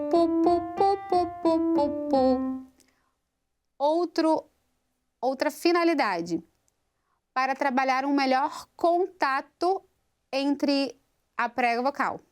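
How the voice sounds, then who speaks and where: A woman teaching a vocal technique lesson, explaining step by step and asking rhetorical questions. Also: high voice. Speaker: singing teacher.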